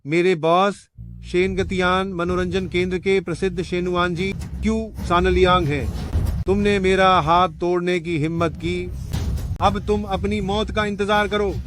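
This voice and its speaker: A brash debt-collecting thug with a high voice, sneering and swaggering as he bullies people. His lines are dubbed for a drama, with faint music behind him. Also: fairly even intonation, unhurried. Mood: threatening. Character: brash male gambling-den thug, bullying debt collector. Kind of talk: Hindi dub of a drama series.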